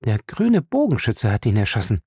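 A man reading a novel aloud, voicing a firm, quick-witted young woman in a raised voice. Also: very deep voice, wildly swooping pitch, mellow, breathy edge, no echo, studio quality, exaggerated voice. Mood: sharp, firm.

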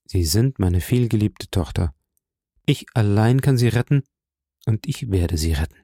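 A man playing a calm, commanding nobleman in an audiobook reading, measured and solemn. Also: lowish voice, husky, no echo, studio quality, full character voice. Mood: grave.

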